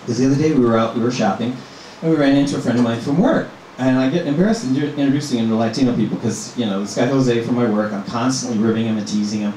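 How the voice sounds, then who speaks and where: A middle-aged man from Minnesota performing a stand-up comedy set in a small club, talking in a halting, deadpan way full of ums. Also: mid-range voice, slight background noise. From Minnesota, USA. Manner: halting, filler-heavy, deadpan delivery. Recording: very echoey room, mic from a distance.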